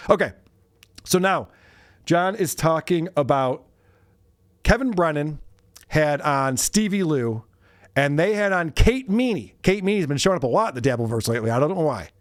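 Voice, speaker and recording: A man's voice: mid-range voice, lively intonation, normal speed, dry recording, studio quality. A man hosting a podcast, casually reading donation messages and mocking the clips he plays. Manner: sarcastic, mocking. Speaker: podcast host.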